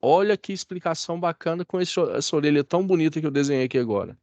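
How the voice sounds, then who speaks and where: A Brazilian man gives a classroom lecture in a somewhat high voice. His speech is dry and close, with no room echo. He chats easily and keeps checking that the class follows him. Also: animated, quick pace, a little mellow. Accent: Brazilian Portuguese. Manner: chatty, asks the class for agreement. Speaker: teacher.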